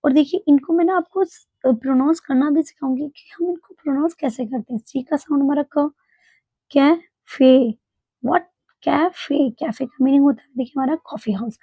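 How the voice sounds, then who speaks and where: A woman teaching English pronunciation in a spoken English lesson, explaining slowly and repeating example words. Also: high voice, warm tone, dry recording. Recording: dull, dry, lo-fi home recording.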